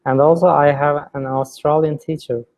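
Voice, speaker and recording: A man practices English with an online tutor. His voice is mellow and stays fairly level in pitch. He builds his sentences carefully and deliberately. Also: fairly even intonation. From Turkey. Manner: careful, deliberate non-native phrasing. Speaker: student.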